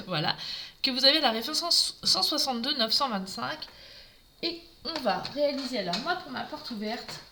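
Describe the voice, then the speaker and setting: A woman's voice: on the high side, pushed and bright, poor audio. A woman giving a live craft demonstration, talking through each step and greeting viewers as she works.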